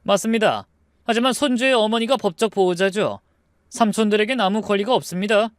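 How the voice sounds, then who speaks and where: A man voicing a calm, firm lawyer representing the new mother. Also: high voice, fairly quick, clear, resonant tone, no echo, clean studio sound, voice pushed up, lightly acted.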